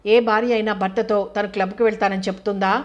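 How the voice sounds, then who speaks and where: A woman's voice: mid-range voice, level tone, fast talker, dull audio, natural voice. A woman voicing a short-tempered wealthy businessman who scolds and defends himself curtly. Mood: irritated, scolding.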